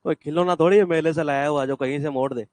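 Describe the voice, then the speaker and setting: A man's voice: fairly high pitch, fairly even intonation, fast, darkish tone, no room sound. A man teaching an English class live to a room of students and online viewers, talking in a casual, chatty way and checking in with them often. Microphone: classroom mic and speaker, streamed online.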